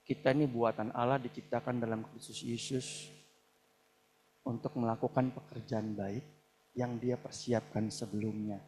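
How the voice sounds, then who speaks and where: A male pastor preaching a live church sermon, acting out quoted people and swinging between soft asides and loud, emphatic peaks. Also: mid-range voice, level tone, normal speed, a little hiss or hum. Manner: acts out quoted people in shouted or pleading voices. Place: church hall, live service.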